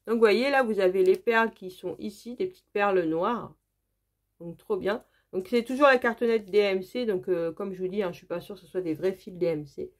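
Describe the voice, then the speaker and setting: A woman's voice: medium pitch, fairly quick. A woman from France, a craft vlogger, chatting casually and eagerly with many fillers as she shows her embroidery kits. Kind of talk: casual unboxing chat.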